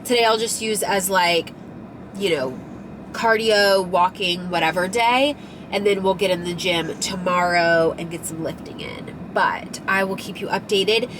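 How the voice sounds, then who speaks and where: Here the young woman's voice sits on the low side and moves unhurriedly, with background noise behind it. She's a lifestyle vlogger getting over a cold, so she sounds a little nasal while rambling casually and leaning on fillers.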